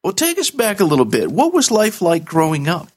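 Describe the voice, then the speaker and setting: A man's voice: high-pitched, wildly swooping pitch, fairly quick, slightly rough. A man hosting an interview in a formal radio style, introducing his guest and putting questions. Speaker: interview host.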